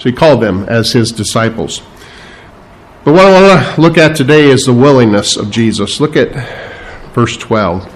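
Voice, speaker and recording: A pastor with an animated, mid-range voice preaches a sermon verse by verse, unscripted and halting, with frequent fillers and restarts. He stresses key words as he explains scripture, and the recording is rough.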